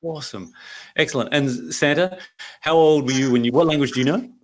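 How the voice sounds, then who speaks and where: A man's voice: on the high side, brisk. An Australian man presenting a leadership workshop over a video call, chatty and anecdotal, often laughing. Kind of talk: interactive online workshop talk.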